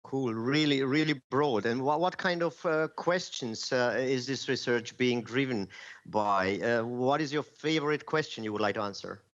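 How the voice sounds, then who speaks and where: A man asking informal questions at a live event, with halting, hesitant phrasing. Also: medium pitch, lo-fi sound.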